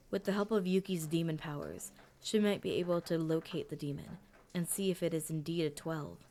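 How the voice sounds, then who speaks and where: A woman voicing a calm, measured older male leader of demon hunters in a storybook audio drama. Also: low voice, slight background noise.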